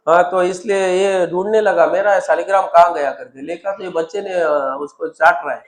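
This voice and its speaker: A man's voice: high voice, moderate pace. A man with an Indian accent preaching a sermon, telling the story with acted-out dialogue and repeated words. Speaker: temple preacher.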